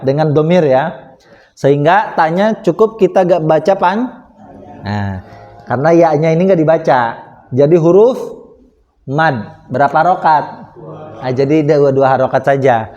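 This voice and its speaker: A man's voice: fairly high pitch, darkish tone, muffled recording. A man with an Indonesian accent teaching Arabic grammar to a class, asking questions and answering them patiently. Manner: slow, patient, asks and answers his own questions. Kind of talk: classroom lesson with questions to students. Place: small prayer room.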